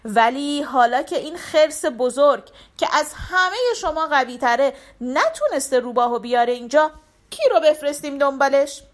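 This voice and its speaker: A woman's voice: high voice, natural voice. A woman voicing a commanding male lion king in a storybook tale. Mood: stern.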